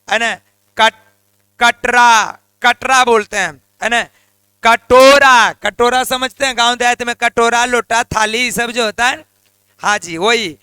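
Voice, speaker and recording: Male tutor, high voice, slow and drilling, dry close sound. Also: sharp tone, clean tone, no echo. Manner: repeats key terms and prompts students to say them back; colloquial, addresses viewers as lions and lionesses. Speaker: teacher. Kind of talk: exam-prep grammar lesson.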